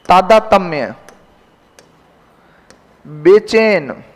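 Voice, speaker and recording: A man with a high, expressive voice speaks very slowly as he teaches a Hindi grammar class. He dictates spelling corrections one word at a time and quizzes his students, calling them "beta." The classroom gives the recording a long reverb.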